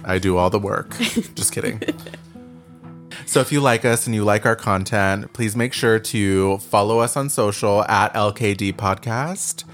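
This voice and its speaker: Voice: mid-range voice, unhurried, faint music behind. A podcast co-host chatting casually, joking and swearing in a tired, giddy way. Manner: joking, swearing, self-mocking. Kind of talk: casual chat.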